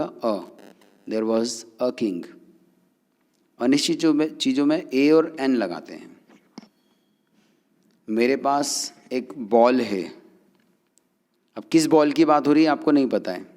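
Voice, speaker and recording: A man's voice: medium pitch, in a large hall. Man teaching English grammar in Hindi. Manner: steady explaining, often checking with "right?".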